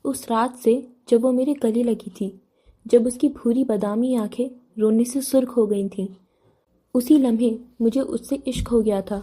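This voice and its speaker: Calm young man in love, read by a woman. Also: a little high, breathy edge. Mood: calm tender. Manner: calm, soft-spoken lines.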